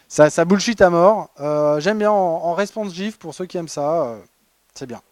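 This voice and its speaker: Chatty high-voiced French man presenting. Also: normal speed, darkish tone, dry recording. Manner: ironic, chatty, many fillers and restarts. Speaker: conference presenter. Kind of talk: humorous award presentation. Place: conference hall.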